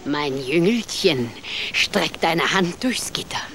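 A cruel, half-blind old witch cackles and taunts in a children's radio play. Her voice leaps up and down, and she draws her words out slowly and relishes them, at times sinking into sly whispers. Music plays beneath her. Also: low-pitched, expressive, full character voice.

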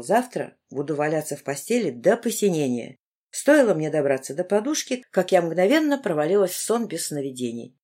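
A woman reading a first-person audiobook at a mid pitch. Her telling is expressive and intimate, as if confiding the story directly to the listener. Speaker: audiobook narrator.

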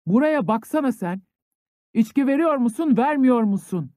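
A desperate young peasant conscript out of an old village tale, as a man reads him aloud, heavy with grief and quick to rage. His voice climbs high when he yells, dark and mellow in tone, and sits close and dry on the mic. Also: animated, dry recording. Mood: enraged shouting. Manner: grief-stricken, turning to furious shouting.

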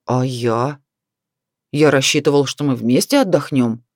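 A woman's voice: very deep voice, measured pace, a little mellow, no echo, clean studio sound, voice pushed down. A woman reading the part of a jovial middle-aged husband who mocks and then turns defensive. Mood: subdued. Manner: mocking, wry storytelling.

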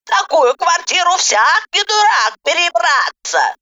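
A woman's voice: extremely high pitch, sing-song, a little slow, sharp tone, muffled recording, pitched above the performer's own voice, heavily acted. Woman playing a sly folksy old granny. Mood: ominous warning. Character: sharp-tongued scheming old grandmother.

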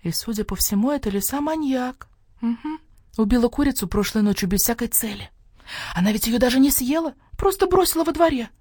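A jittery, heavyset sow, as a woman reads her, anxious and fussy, her voice pitched a little higher and often sliding into a hushed whisper. The audiobook sound is dry and close. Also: animated, normal speed, no room sound, natural voice. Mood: fretful. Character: plump timid female pig, fearful and fussy.

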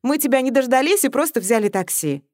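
A woman reading a brisk practical young woman. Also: high voice, expressive, darkish tone, no room sound, studio quality, pitched above the performer's own voice.

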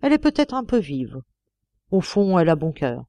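A woman's voice: on the low side, big pitch swings, moderate pace, dark tone, no echo. A woman voicing a proud, distraught young working-class mother in an audiobook, with pleading, tearful outbursts. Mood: defensive. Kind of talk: audiobook character reading.

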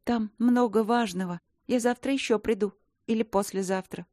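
Speaking at a normal speed in a dark-toned, natural voice, a woman plays a chatty, impulsive young girl who is an artist, pleading and chattering in a raised, high-pitched, chirpy way. The recording is studio quality with no room sound.

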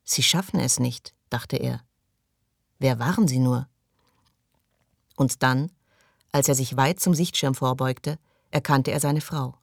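A man narrating a science-fiction audiobook in a measured reading style, dropping quieter at tense moments. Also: medium pitch, steady tone, creaky, no room sound, clean studio sound. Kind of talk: scripted narration.

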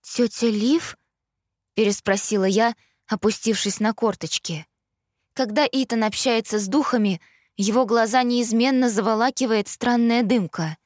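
A woman's voice: fairly high pitch, normal speed, no room sound, clean studio sound. A woman narrating a first-person novel, reading steadily as an audiobook narrator. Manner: steady storytelling read.

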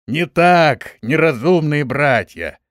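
A man voicing a stern male holy preacher, commanding in a loud, slow voice in an audiobook. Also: medium pitch, wildly swooping pitch, no room sound, clean studio sound.

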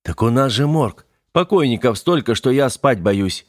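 A man's voice: medium pitch, animated, moderate pace, voice pushed up, close to an everyday voice. A man reading a storybook, voicing a young worker who sneers and frets in a raised, nervous voice. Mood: spooked. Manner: snide, nervous chatter. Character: young male worker, jittery and mocking.

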